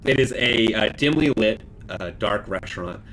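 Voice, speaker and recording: Guy running a tabletop game, rambly with lots of uhs, pitch all over the place, bit of hiss. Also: animated, normal speed, fairly bright tone, rough recording. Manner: rambling narration with many fillers and self-corrections. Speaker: game master.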